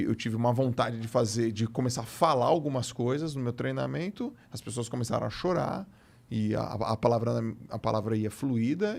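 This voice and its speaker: A man's voice: medium pitch, gravelly, a little mellow. A man talking on a podcast in a casual, emphatic way, repeating words for stress. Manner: emphatic, repeats words, says "velho" and "cara" often. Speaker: podcast guest. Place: podcast studio.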